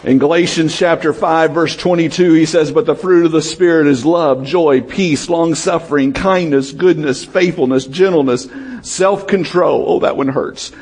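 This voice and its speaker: An American male pastor delivers a sermon in lively congregational preaching, his husky, fairly high voice unhurried. He calls out to the congregation, rising to shouts and then dropping low.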